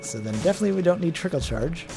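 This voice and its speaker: Let's play host, male, slightly raised pitch, offhand rambling commentary. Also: animated, rapid-fire, gravelly, over music. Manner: rambling, self-deprecating asides. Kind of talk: casual gameplay commentary.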